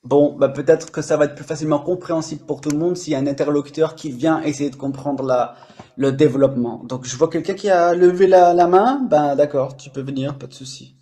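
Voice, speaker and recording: A man's voice: a little high, fairly quick, dark tone. A French-speaking man hosting a language-learning live stream, explaining casually with many fillers and restarts.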